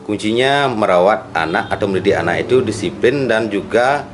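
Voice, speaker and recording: A man's voice: lowish voice, animated, moderate pace, a little hiss or hum. A man interviewing an older woman, affirming her answers and ending his points with tag questions. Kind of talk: casual interview. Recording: clear music playing behind.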